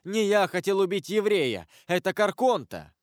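A man's voice: high voice, big pitch swings, normal speed, dry recording, studio quality, voice pushed up. A man voicing a dying, wounded convict who pleads and accuses in a desperate, raised voice. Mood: bitter.

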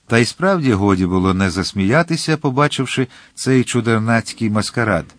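A man reading a novel aloud as an audiobook narrator, in a measured storytelling manner. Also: mid-range voice, animated, dry recording, studio quality. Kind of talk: scripted narration.

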